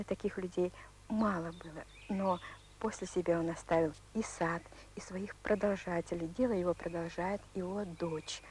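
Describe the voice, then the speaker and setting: Low-voiced mature woman recalling earnestly. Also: darkish tone, rough recording. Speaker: horticulturist interviewee. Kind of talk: earnest recollection for a documentary. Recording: 1980s film soundtrack, faint noise.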